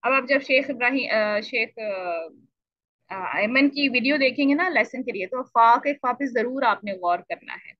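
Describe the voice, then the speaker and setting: A woman teaching Quran recitation in an online lesson, explaining patiently and repeating syllables to demonstrate, clearing her throat now and then. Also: fairly high pitch, lively intonation, measured pace, no echo. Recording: dull lo-fi dry audio.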